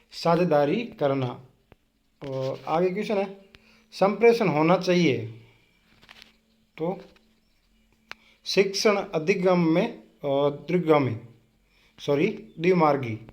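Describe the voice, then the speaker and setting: A man's voice: high voice, darkish tone. A man with a Rajasthani Hindi accent teaching an exam-prep quiz lesson. He reads each question, asks it back and answers it himself.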